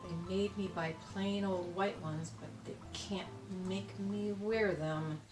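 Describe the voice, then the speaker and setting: A woman reading a children's storybook aloud expressively, with dramatic emphasis and deliberate pauses on key words. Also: medium pitch, steady tone. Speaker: storybook reader. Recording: echoey room, distant mic, music behind.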